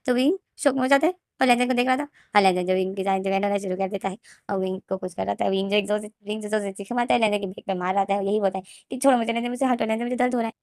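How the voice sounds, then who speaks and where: Fast-talking woman narrating a fan story. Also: mid-range voice, fairly even intonation, a little mellow, dry recording, clean studio sound. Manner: rapid and run-on, with many restarts.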